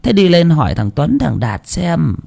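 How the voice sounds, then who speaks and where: A man voicing a soft-hearted, fussing elderly grandmother in a storybook tale. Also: sing-song, normal speed, creaky, exaggerated voice. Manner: scolding, coaxing, high-pitched.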